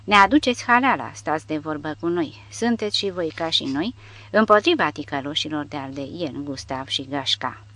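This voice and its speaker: A man reading the part of a nervous condemned cavalry prisoner who asks quiet, pressing questions in an audiobook. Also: fairly high pitch, animated. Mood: uneasy.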